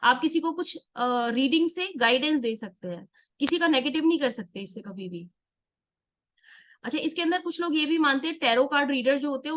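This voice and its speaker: An Indian woman with a high, light voice leads an online tarot workshop. She explains each point step by step, often asking a question and then answering it herself. English words slip easily into her Hindi. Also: a bit bright. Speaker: tarot teacher.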